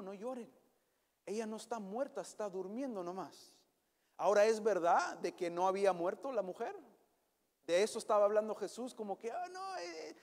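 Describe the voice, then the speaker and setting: Man, pastor, high voice, animated sermon, long church hall reverb. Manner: animated preaching with English words mixed in.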